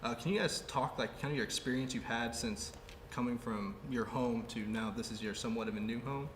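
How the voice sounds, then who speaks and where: At a brisk pace and medium pitch, this man runs a casual round-table chat, asking questions loaded with fillers and laughing often. The recording picks up echo and background noise.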